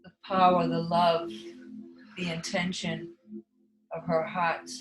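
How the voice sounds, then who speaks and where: A woman leading a guided spiritual meditation in a slow, hushed delivery with long pauses. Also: lowish voice, little pitch movement. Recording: echoey reverb over soft music.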